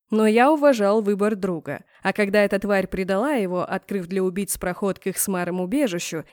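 A commanding winged man with a curt, mocking edge, read by a woman narrator. He barks his words in short bursts, in the same even register as the storyteller. The storybook sound is dry and close. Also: medium pitch, dry recording, natural voice. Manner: brusque, barking orders. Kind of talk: audiobook character voice.

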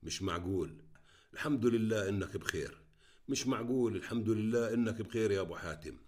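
A man voicing a warm male villager who murmurs in a hushed voice. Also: on the low side, quick pace, lightly acted. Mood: relieved. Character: older male Palestinian villager, astonished, warm.

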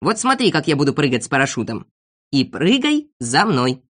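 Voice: mid-range voice, very animated, moderate pace, fairly bright tone. Brief: reader doing a level-headed little storybook leader, firm and commanding. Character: clever calm little shorty leader.

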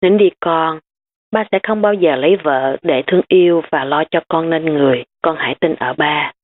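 A grieving young father speaks gently and holds back his sorrow, as a woman narrator reads him. The voice is low and close to the reader's own. The sound is thin, like a phone line. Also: moderate pace. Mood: soothing.

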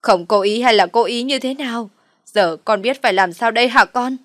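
A woman doing a shrill, wailing scheming mother. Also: steady tone, moderate pace, dry recording, clean studio sound, natural voice. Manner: wailing, theatrical lamenting. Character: shrill scheming middle-aged mother, loud and dramatic.

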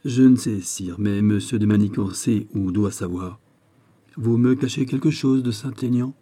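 A man reading a classic novel aloud as an audiobook narrator, shading the dialogue with small shifts of pitch and level but no full character voices. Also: normal speed, dark tone.

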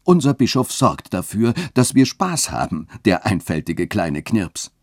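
A man's voice: on the low side, big pitch swings, measured pace, a little mellow, no room sound. A scornful young woman of the street, put on by a male reader in a radio reading jeers in a mocking way. The recording is dry and close. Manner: scornful, jeering.

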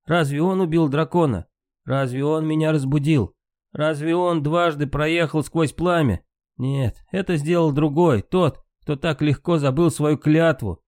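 Brief: male reader as heated valkyrie queen in a storybook, lifted pitch, mellow tone. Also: fairly even intonation, measured pace, no echo, clean studio sound, natural voice. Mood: furious. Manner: raised, impassioned delivery. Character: proud grieving valkyrie queen, a woman.

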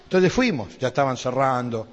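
A man's voice: medium pitch, expressive, moderate pace. A middle-aged man with an Argentine Rioplatense accent preaching a sermon, telling a story and acting out the dialogue with growing fervor. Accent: Argentine Rioplatense Spanish. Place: church hall. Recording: dull sound with long hall reverb.

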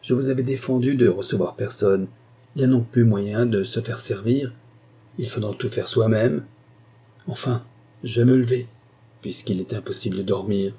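A man's voice: medium pitch, moderate pace, mellow, slightly rough. A man voicing a pompous male butler who speaks with stiff formality in a storybook reading. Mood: haughty.

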